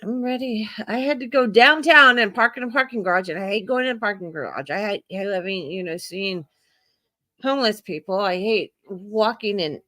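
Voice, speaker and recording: A middle-aged woman hosting a casual group chat, telling everyday stories in an animated, frank way. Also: mid-range voice, moderate pace, no room sound. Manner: chatty, animated storytelling with frank asides. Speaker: livestream host.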